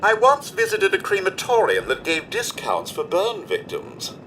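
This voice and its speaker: A man's voice: sits high, huge pitch swings, a little slow, a bit bright, a little hiss or hum, full character voice. An actor playing a polite, formal male robot butler in a video game, speaking with a servant's courtesy.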